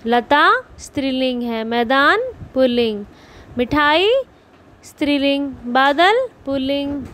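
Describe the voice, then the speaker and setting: A woman's voice: high voice, fairly bright tone. A woman teaching a grammar lesson to young children, patiently asking and repeating questions and calling her pupils dear. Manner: patient, repetitive questioning, calls pupils beta. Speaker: primary school teacher.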